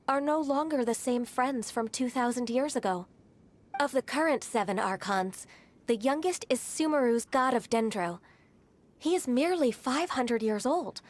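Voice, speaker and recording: A woman voices a gentle, dutiful half-human adeptus who serves as a secretary in a video game. Her slightly high voice is lightly acted, and her speech is polite and formal, at times hesitant.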